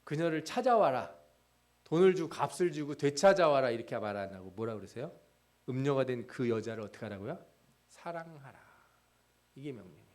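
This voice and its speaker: Lively, questioning Korean preacher, a man. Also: mid-range voice, a little fast. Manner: lively preaching, asks the congregation questions and answers them. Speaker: pastor. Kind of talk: sermon. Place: church at a midweek service.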